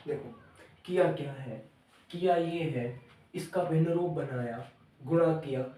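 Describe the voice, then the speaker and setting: In an echoey space, well away from the mic, a maths teacher with a mellow, somewhat high voice explains things unhurriedly. He goes step by step, repeats each one, and asks questions of the pupils, addressing them as children.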